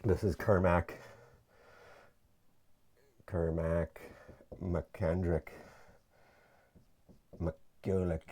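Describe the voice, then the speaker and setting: A man's voice: fairly low pitch, steady tone, normal speed. A young man explaining his PhD research in an informal whiteboard lecture, chatty and jokey, often restarting his sentences. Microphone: camera mic.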